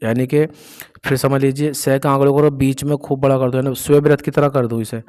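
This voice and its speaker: A man's voice: medium pitch, flat delivery, brisk, darkish tone. Man patiently teaching shorthand. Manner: patient, asks and answers his own questions. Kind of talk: explaining a lesson step by step.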